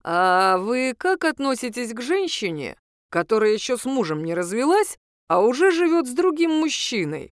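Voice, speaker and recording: A woman's voice: on the high side, sing-song, normal speed, no echo, studio quality, voice pushed up. Woman reading as a spiteful, preachy ex-husband. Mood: resentful. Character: spiteful ex-husband, sanctimonious and sulking man.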